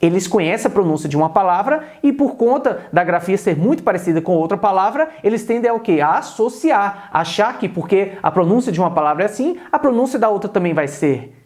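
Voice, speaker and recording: Um homem jovem do Brasil, com sotaque brasileiro, dá uma aula em vídeo de pronúncia inglesa e repete devagar cada palavra de exemplo. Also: male voice, high-pitched, a little mellow. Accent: Brazilian Portuguese. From Brazil. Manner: repeats example words slowly and deliberately. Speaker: English teacher. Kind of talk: video lesson on English pronunciation.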